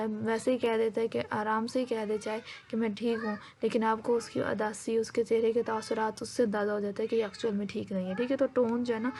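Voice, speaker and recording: A woman lecturer going over exam material. She mixes in English terms, says "ठीक है" again and again, and fills her pauses with "uh". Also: fairly high pitch, dark tone.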